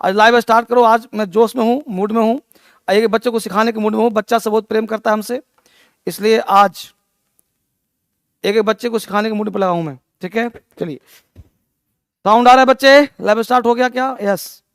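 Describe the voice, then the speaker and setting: A man teaching English in a live online class, energetic and emphatic, drilling sounds by repeating them. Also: high voice, fairly quick, clean tone, dry recording, studio quality.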